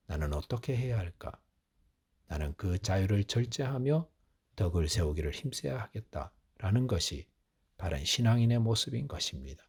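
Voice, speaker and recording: A male pastor giving a measured early morning sermon in a church, asking rhetorical questions as he explains a scripture passage. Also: lowish voice, a little mellow, husky.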